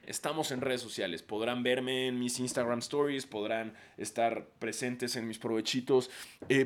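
A man's voice: mid-range voice, slight background noise. A man with a Mexican accent talking casually and profanely on his podcast, ranting and putting on mocking voices. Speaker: podcast host.

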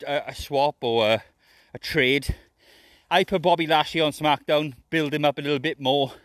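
A man's voice: on the high side, fairly bright tone, no room sound, clean studio sound. A middle-aged man hosting a podcast, chatting casually and unscripted in a blunt, opinionated way. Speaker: podcast host.

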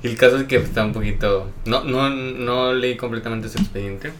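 A man's voice: mid-range voice, steady tone, normal speed, fairly bright tone, slight background noise. A man with a Mexican accent, a nurse, chatting casually on a podcast in slangy speech full of filler words. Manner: slangy, peppers speech with "güey", laughs while telling stories.

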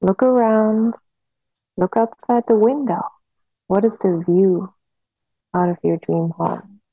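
A woman guiding a hypnosis relaxation in a slow, soothing hypnotist manner with long pauses, on a narrow phone-like recording. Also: medium pitch, fairly even intonation, no room sound.

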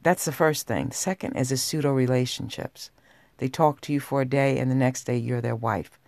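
Sultry, low-voiced woman podcaster with gravelly edge. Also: fairly even intonation, normal speed, darkish tone, no room sound. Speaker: podcast host. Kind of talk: personal talk podcast monologue.

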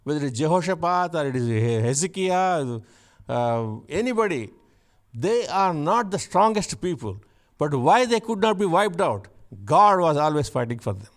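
A man preaching a sermon, shifting from chatty asides with the congregation to loud, emphatic repeated declarations. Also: a little high, big pitch swings, normal speed. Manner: builds to loud emphatic repetition; conversational asides with laughs.

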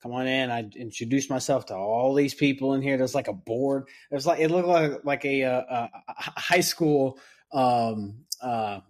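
A man's voice: medium pitch, a little slow. Man animatedly recounting a story. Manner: animated retelling, acting out others' lines. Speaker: firefighter, podcast guest. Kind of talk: casual storytelling chat.

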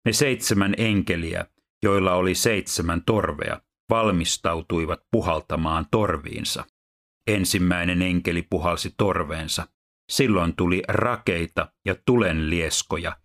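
Deep-voiced man reading scripture. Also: fairly bright tone. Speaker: Bible reader and teacher.

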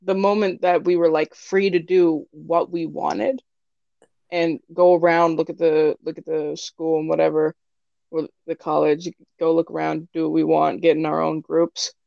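A woman's voice: low-pitched, level tone, normal speed, creaky, dark tone, no room sound. A young woman co-hosting a podcast, telling a story in a casual, giggly way with mocking quoted voices. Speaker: podcast co-host. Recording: dry, dull lo-fi sound.

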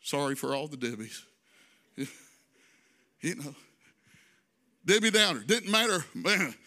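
A man's voice: on the high side, very animated, slow pace, sharp tone. A male pastor preaching a conversational sermon, drawing phrases out in a sing-song and adding folksy asides.

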